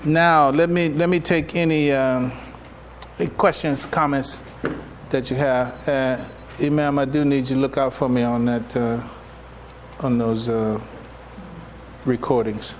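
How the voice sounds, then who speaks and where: Speaking at a medium pitch with little pitch movement, an American imam delivers an unhurried public address with long pauses, taking questions from attendees at a mosque gathering. The informal religious lecture is conversational and folksy, full of rhetorical check-ins, and was recorded live in a noisy room.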